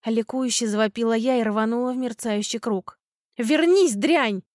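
A woman narrating an audiobook in an expressive first-person storytelling manner. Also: on the high side, fairly quick, no echo, studio quality. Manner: lively first-person storytelling, voicing characters' shouts.

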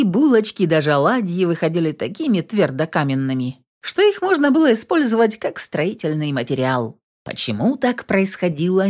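A woman reading a story aloud in an expressive, wry manner, as a storybook narrator. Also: fairly low pitch. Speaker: audiobook narrator.

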